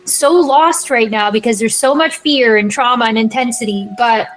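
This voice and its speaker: A woman's voice: on the high side, moderate pace, soft background music, poor audio. A woman hosting a casual spiritual podcast chat, gushing and effusive, with many "like" and "you know" fillers. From not Ireland. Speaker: podcast host.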